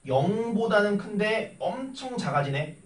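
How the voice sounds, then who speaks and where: A young man teaching math in a classroom, chatty and animated, telling stories and tossing questions at his students. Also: sits high, measured pace. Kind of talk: classroom lecture with storytelling. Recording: echoey classroom from a distance with faint noise.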